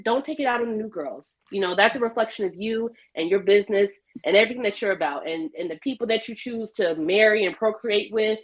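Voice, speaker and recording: A woman giving opinionated casual commentary, stressing her points with deliberate repetition. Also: medium pitch, poor audio.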